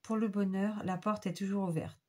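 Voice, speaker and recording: A woman crafter talks casually to her viewers, showing off papercraft she received in the mail. Her voice is husky and slightly breathy, at a middling pitch. She is enthusiastic and chatty, heaping praise on every detail. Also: little pitch movement, normal speed, dark tone. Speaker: craft vlogger. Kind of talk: casual show-and-tell chat.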